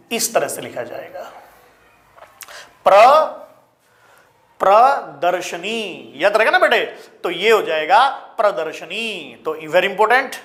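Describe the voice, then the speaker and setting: Slow, lively-pitched Hindi teacher man. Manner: repeats each word slowly, addresses students as children. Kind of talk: spelling lesson for exam students.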